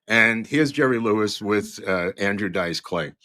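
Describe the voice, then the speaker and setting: A man hosting a show, telling a long story in a rambling, halting way with many fillers and restarts as he talks to a live chat. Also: lowish voice, sharp tone, dry recording, clean studio sound. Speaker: podcast host.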